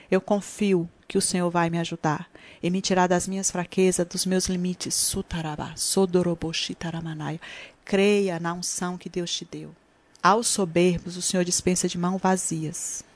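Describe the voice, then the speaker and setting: A woman preacher delivering a fervent sermon to a group of women, moving into prayer and speaking in tongues, drawing out key words slowly and then rushing ahead. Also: on the low side. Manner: addresses listeners as sisters.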